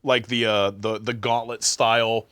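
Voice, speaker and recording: A man's voice: medium pitch, flat delivery, a little slow, a bit bright, clear, resonant tone, dry recording. A young man co-hosting a casual gaming podcast, explaining at length with many fillers. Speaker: podcast co-host.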